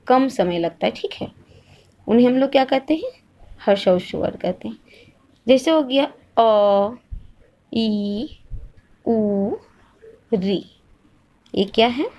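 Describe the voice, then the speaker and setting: A woman's voice: a little high, darkish tone. A woman teaching a Hindi grammar lesson, patiently repeating each point and asking the listener questions to check understanding. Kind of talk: slow classroom-style grammar lesson.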